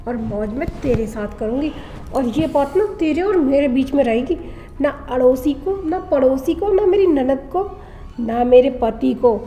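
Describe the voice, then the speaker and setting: A woman's voice: sits high, mellow, a little hiss or hum. An actress playing a rich, lonely wife in a scripted short drama. She coaxes at first and then turns bossy and threatening. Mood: scornful. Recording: echoey room with long reverb.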